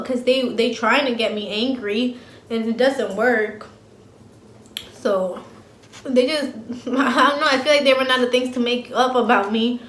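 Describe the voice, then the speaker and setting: In a casual mukbang chat, a young woman vlogger eats and talks in a fairly high, fairly bright voice, blunt, slangy and quick to laugh. The audio has a roomy home sound, faint ambience and slight hiss or hum.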